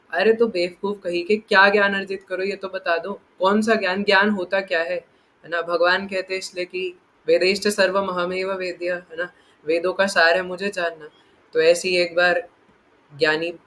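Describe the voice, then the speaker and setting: A man with a high, light voice teaching scripture in an animated way. He keeps checking in with his listeners and acts out the lines he quotes. He laughs easily while he explains. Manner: animated, acts out quotes, frequent tag questions. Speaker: spiritual teacher. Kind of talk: scripture discourse.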